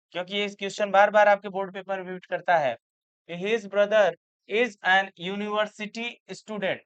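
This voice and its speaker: A man teaching an exam grammar lesson, explaining slowly and repeating key words, then asking the class questions back. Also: high-pitched, fairly bright tone, clean tone. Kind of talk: board exam grammar lecture. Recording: slightly dull lo-fi recording.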